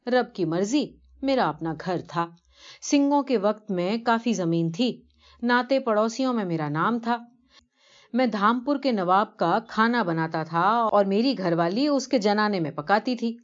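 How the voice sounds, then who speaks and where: A woman's voice: mid-range voice, expressive, natural voice. A woman voicing a poor, devout elderly man who earnestly tells of his pilgrimage in a story reading, on a dull lo-fi recording. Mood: humble, earnest.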